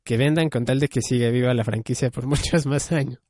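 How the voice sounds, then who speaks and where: A man's voice: medium pitch, a little fast, a little mellow, no echo, studio quality. A young man chatting casually, musing and hedging with many fillers. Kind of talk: casual chat about anime.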